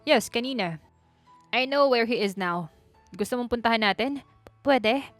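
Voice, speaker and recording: A woman's voice: on the high side, unhurried, no echo, faint music behind, close to an everyday voice. A woman doing a cool, teasing rich young man. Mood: teasing calm.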